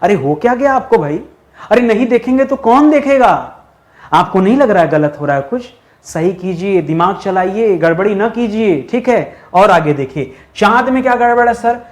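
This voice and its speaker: High-voiced man teaching a chatty lesson. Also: lively intonation, darkish tone. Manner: drills with repeated questions and answers; brisk and chatty, teasing students. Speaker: Hindi teacher. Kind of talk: online exam-prep lesson.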